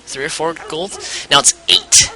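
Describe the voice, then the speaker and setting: A man's voice: a little high, expressive, a little slow, pushed and bright, poor audio. Chatty man explaining a strategy game. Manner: rambling, chatty, explains game mechanics with self-interruptions. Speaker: gameplay commentator. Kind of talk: casual let's play commentary. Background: game music.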